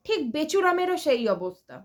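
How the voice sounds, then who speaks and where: A woman's voice: sits high, big pitch swings, brisk. A woman vlogger giving casual commentary, blunt and scornful, with crude insults and lots of chatty fillers and check-ins.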